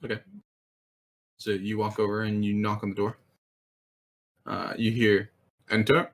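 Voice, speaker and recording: A man's voice: lowish voice, monotone, measured pace. A man narrating as game master of a tabletop game, hesitant with frequent ums. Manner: hesitant, many ums and uhs.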